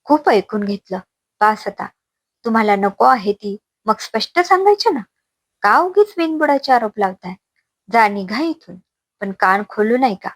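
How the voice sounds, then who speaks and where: Brief: woman narrator doing furious protective mother, shouting, high and sharp. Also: big pitch swings, moderate pace, no room sound. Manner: shouting, fierce. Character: furious mother defending her daughter.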